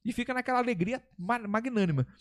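Brazilian male metal singer, podcast guest, rapid-fire animated storyteller, close dry mic. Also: extremely high pitch, dry recording. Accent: Brazilian Portuguese. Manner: animated storyteller who swears and acts out quoted lines. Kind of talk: casual podcast chat.

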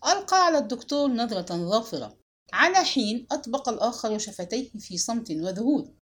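A woman narrating a crime story in an audiobook reading, with measured, dramatic storytelling. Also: a little high, sing-song.

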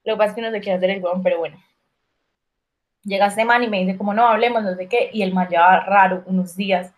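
A woman's voice: mid-range voice, fairly even intonation, fast talker. A young woman with a Colombian accent, casually telling a personal story with slang and mock-formal jokes. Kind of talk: casual chat.

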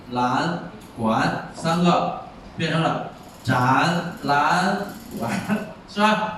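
A man teaching a Chinese class, explaining tones by slowly acting out example words. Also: fairly high pitch, fairly bright tone. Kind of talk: classroom lecture. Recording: echoey room, far mic, faint noise.

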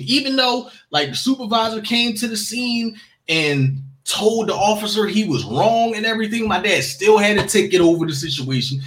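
A man's voice: high-pitched, fairly bright tone, poor audio. A man in his early forties telling a personal story in a casual podcast chat, full of fillers and restarts. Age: 40s.

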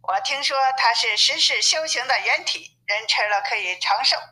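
A woman's voice: a little high, animated, moderate pace, sharp tone, faint music behind, pitched above the performer's own voice, poor audio. A woman voicing a boastful, haughty male turtle-dragon river demon in a storybook reading. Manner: haughty, then pleading.

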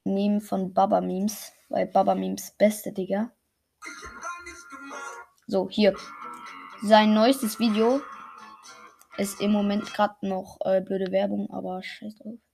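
A woman's voice: mid-range voice, flat delivery, slow pace, gravelly, pauses often, mellow, faint music behind, rough recording. A young woman chatting casually as host, slangy and often searching for words. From Switzerland. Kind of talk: casual chat.

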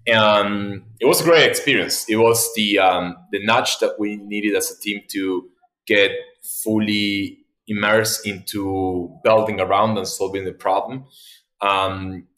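A Spanish-speaking man from Argentina, a tech entrepreneur appearing as a podcast guest, casually tells a story in an interview. His voice is fairly low with a fairly bright tone, and the sound is noticeably echoey, as if recorded in a bare room.

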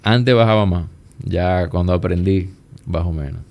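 A man with a Dominican accent, chatting as a guest and telling stories in a relaxed, easygoing way. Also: low-pitched, a little slow, creaky. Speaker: guest, plastic surgeon. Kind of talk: casual conversation.

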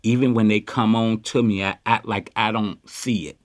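Speaking into a handheld mic on a city street, a Chicago man in his fifties gives a boastful, slang-heavy, candid interview. His fairly low voice holds a fairly even intonation at normal speed. The recording is studio quality, with no room sound.

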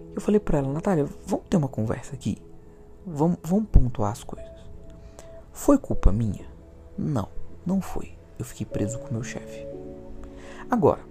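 A man with a Brazilian accent, hosting a podcast and telling a personal story in a lively way, repeating words for emphasis. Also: medium pitch, creaky. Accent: Brazilian Portuguese. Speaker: podcast host.

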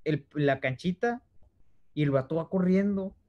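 A man's voice: fairly high pitch, measured pace. A young man with a Mexican accent, recalling stories in a casual chat with friends, slangy and laid-back. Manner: laid-back storyteller full of slang who quotes himself. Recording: dull lo-fi sound.

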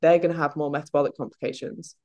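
A British woman hosting a casual fitness Q&A podcast, talking in a chatty, animated way and often interrupting herself. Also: low-pitched, fast talker, dry recording. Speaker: podcast host. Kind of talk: casual Q&A chat.

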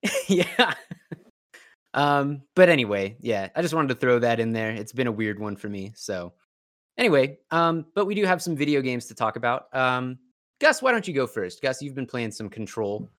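A tired man, slightly hoarse from yelling, hosting a podcast in casual chat. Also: medium pitch, sing-song, moderate pace. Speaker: podcast host.

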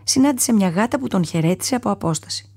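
A woman narrating a children's story aloud in a calm, measured reading, sometimes falling to a soft whisper. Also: medium pitch, husky, dry recording.

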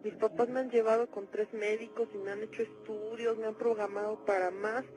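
A woman's voice: fairly high pitch, little pitch movement, a little fast, a little mellow, faint music behind, natural voice, rough recording. Woman playing a possessed, panicky girl caller. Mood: pleading. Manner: pleading, panicky, breaks into screams. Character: frightened teenage girl possessed by a demon. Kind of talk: dramatized radio call.

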